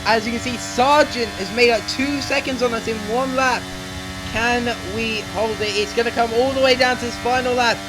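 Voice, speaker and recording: A man's voice: very high voice, fairly even intonation, moderate pace, noisy background. A young man gives breathless, urgent play-by-play of his own racing game as a gaming YouTuber. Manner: breathless, urgent, narrating each move as it happens. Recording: game music playing clearly behind the voice. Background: game music under the voice.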